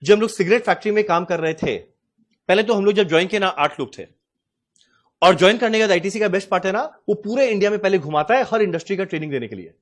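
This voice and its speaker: A man's voice: sits high, animated, fast. A man in his forties teaching cost accounting in a chatty, storytelling lecture. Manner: chatty, storytelling, addresses students as "tum log". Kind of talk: lecture with a personal anecdote.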